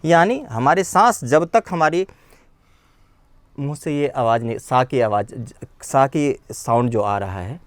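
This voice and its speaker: A man teaching a singing lesson, explaining pitch patiently and often checking that his students follow. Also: animated, unhurried. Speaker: music teacher. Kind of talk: vocal lesson.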